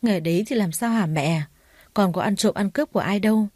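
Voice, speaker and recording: A woman's voice: mid-range voice, brisk, darkish tone, no room sound, clean studio sound, lightly acted. A woman putting on a sulky, defiant young sister. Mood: resentful. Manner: petulant, talking back.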